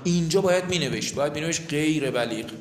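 A man's voice: a little high, animated, a crowd in the background. A man teaching a literature lesson in a classroom, who explains patiently, repeats key terms and quizzes his students. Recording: echoey classroom recording.

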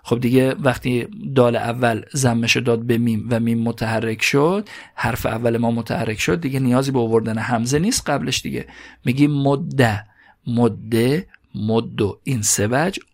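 Man, grammar teacher, gravelly voice, methodical explaining, repeats key words. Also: mid-range voice, steady tone. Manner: explains step by step, reads a phrase then glosses it. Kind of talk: classroom lecture.

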